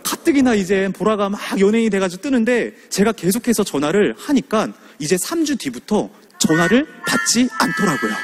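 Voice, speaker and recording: A man's voice: high voice, background noise. A man in his thirties from Suwon giving a motivational lecture, telling stories, acting out scenes and asking the audience questions. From Suwon, South Korea. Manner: animated, asks the audience questions, acts out scenes. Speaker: guest lecturer.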